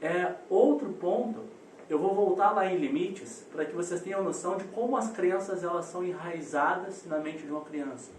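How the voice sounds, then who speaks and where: A man, in his thirties, coaches parents over a live video call, his voice high for a man. He talks straight to his listeners in an animated storytelling manner. The sound is roomy and echoing, with a faint hiss behind it. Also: moderate pace. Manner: animated storyteller addressing the audience directly. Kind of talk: live online parenting talk. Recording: roomy echo, distant mic, faint noise.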